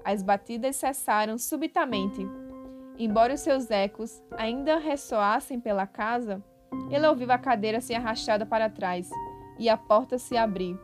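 Woman telling a spooky story over music. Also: a little high. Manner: measured, dramatic reading. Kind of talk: reading a short story aloud. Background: background music.

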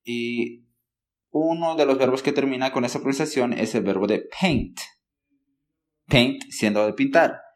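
A man teaching a language lesson, explaining patiently, checking in with listeners often and saying example words slowly for them to copy. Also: medium pitch. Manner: models words slowly for learners. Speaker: English teacher.

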